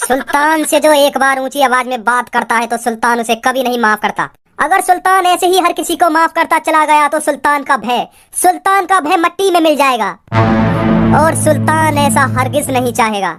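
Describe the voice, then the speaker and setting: A woman playing a swaggering, menacing male gang boss in a comedy skit who delivers slow, dramatic threats. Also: sits high, fairly bright tone, soft background music. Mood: ominous.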